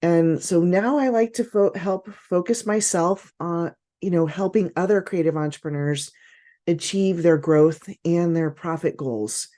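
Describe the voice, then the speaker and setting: Woman business coach in her fifties leading an online workshop, warm mellow tone, encouraging. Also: lowish voice, unhurried. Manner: upbeat, encouraging, frequent praise. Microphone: video call.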